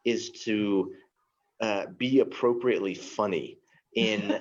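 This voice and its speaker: A man tour guide in a round-table chat, thoughtful and self-deprecating, often pausing on fillers. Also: on the low side, fairly even intonation, highs cut off.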